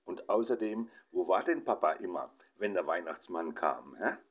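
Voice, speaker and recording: A man's voice: low-pitched, lively intonation, normal speed. A man voicing a cheeky nine-year-old boy with a Berlin accent who whines and insists. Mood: insistent. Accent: Berlin dialect. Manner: whiny, insistent.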